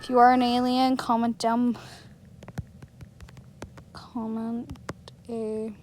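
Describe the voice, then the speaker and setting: A woman with a high, light voice talks her viewers through a game at an unhurried pace, breaking into giggles and laughing at her own slips. A faint hum of room noise sits under her. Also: little pitch movement, darkish tone. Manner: giggly, self-mocking, chatty to viewers. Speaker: gaming channel host. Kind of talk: casual gameplay commentary.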